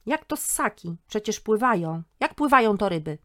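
A woman's voice: fairly low pitch, lively intonation, unhurried. A woman voicing an elderly grandfather who patiently and stubbornly explains things to his grandson in a storybook reading. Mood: indignant.

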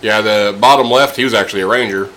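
Man, low voice, fast, bright, wisecracking, faint hum behind. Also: steady tone. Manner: quick wisecracking interjections. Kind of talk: casual chat over drinks.

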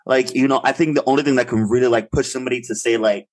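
A man's voice: medium pitch, fairly even intonation, fast. A young man co-hosting a casual podcast chat, talking in a hesitant, rambling way with many fillers and restarts. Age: young adult. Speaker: podcast co-host.

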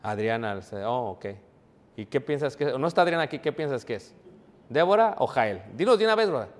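A man preaching a sermon, joking with his congregation by name and reading scripture slowly and loudly. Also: mid-range voice, big pitch swings. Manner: jokes with the congregation, calling on members by name. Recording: echoey hall.

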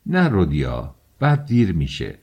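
A man's voice: sits low, huge pitch swings, muffled recording, heavily acted. A man reading the lines of an eager, talkative young friend who fusses over a sick companion in an audiobook. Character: cheerful fussing young male friend.

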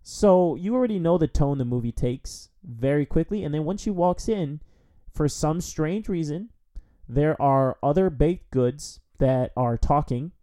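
Dark-voiced man rambling through a film review. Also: on the high side, measured pace. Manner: rambling, wry, with frequent fillers. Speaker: film review podcast host. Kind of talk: casual review chat.

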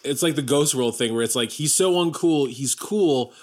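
A man's voice: mid-range voice, moderate pace. A man hosting his own movie podcast, with a dry, wry delivery and casual swearing. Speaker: podcast host.

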